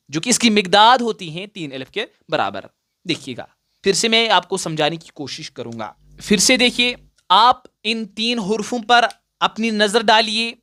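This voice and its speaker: A man's voice: high voice, sharp tone. Give me a man teaching recitation rules at a board, patient and repetitive, asking the class questions. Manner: patient, repeats points and asks the class questions before answering them.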